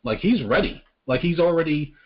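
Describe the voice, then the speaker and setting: A podcast co-host from Long Island, New York, chats casually in a measured, deliberate way, pausing to restart his thoughts and reading news excerpts aloud. His voice is on the high side, expressive and husky. The audio is dull and lo-fi.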